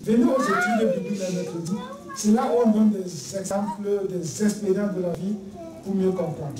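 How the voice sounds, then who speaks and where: Preacher in a church, teaching point by point, goes soft on key words, echoey room, mic kinda far off. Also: medium pitch, big pitch swings, normal speed, a loud crowd. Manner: addresses listeners as beloved, teaching in numbered points. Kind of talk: sermon. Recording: echoey room, voice heard from a distance.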